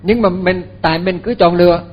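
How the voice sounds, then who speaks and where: An older man, a Buddhist monk, giving a dharma talk in an unhurried, halting way with many fillers and repeated words. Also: high voice, steady tone, muffled recording.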